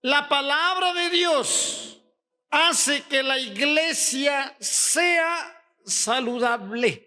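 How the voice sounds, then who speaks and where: A pastor from Ecuador preaching a sermon, firing rhetorical questions at the congregation and rising to shouts on key points. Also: male voice, extremely high pitch, extremely slow.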